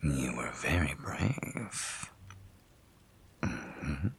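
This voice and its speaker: A woman performing an intimate audio roleplay in a breathy whisper, teasing and commanding by turns with lots of repeated urging. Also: rumbling low, very animated, drawn-out words, slight background noise.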